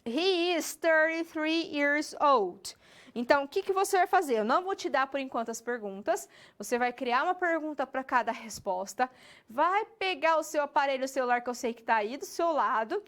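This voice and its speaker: Woman teacher, high voice, talks right to you, slows way down for english examples. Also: lively intonation. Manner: slow, stretched model phrases when demonstrating English questions; talks directly to the student, checks in with tags. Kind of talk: recorded online lesson.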